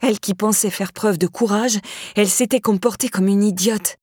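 A woman narrating a novel aloud in a steady, measured storytelling voice. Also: medium pitch, slightly rough, dry recording, studio quality. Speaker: audiobook narrator.

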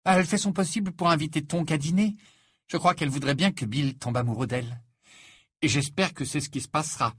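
A man's voice: a little high, fairly quick, husky, dry recording, pitched above the performer's own voice. A man voicing an outspoken teenage girl who speaks bluntly and scornfully in a storybook reading. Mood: insistent.

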